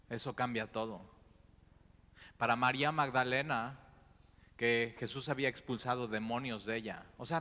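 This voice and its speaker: Man, pastor, expressive casual preaching, mid-pitched, long church-hall reverb. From Mexico. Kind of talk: conversational sermon. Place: church auditorium.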